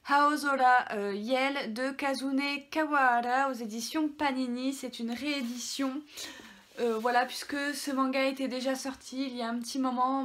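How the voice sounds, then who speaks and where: A French woman talks through her monthly manga purchases in a relaxed, chatty way. Her voice sits high. She stops often for small fillers and restarts. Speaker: manga vlogger. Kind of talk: casual haul video.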